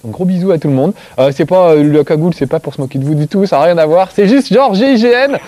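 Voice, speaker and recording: Speaking fast in a fairly high, dark-toned and expressive voice, a Corsican-accented man hosts a gaming show with casual commentary to camera as he plays. He is chatty, jokey and self-mocking, filmed in close framing tight on his face, with no echo.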